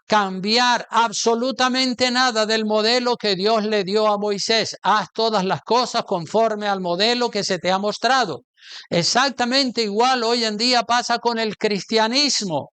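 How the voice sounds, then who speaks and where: A preacher delivers a sermon with emphatic force, his speech peppered with rhetorical questions to the congregation. His voice sits notably high for a man and comes through smooth and clear. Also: pushed and bright. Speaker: pastor.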